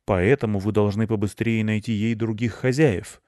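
A man's voice: fairly low pitch, steady tone, moderate pace, darkish tone, dry recording, studio quality, natural voice. A man voicing a self-important male hedgehog who lectures in a storybook. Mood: lecturing. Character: pompous know-it-all male hedgehog.

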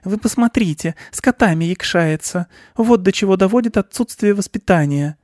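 A man voicing a bossy, scolding big female shrew with a shrill manner. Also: normal speed, a little mellow, no echo, studio quality, lightly acted.

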